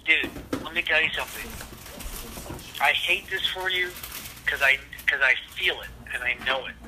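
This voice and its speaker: A man's voice: fairly high pitch, normal speed, pushed and bright, slight background noise, low-quality recording. A man heard over a phone on speaker, giving casual, blunt advice in a direct, matey way. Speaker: adviser on a phone call.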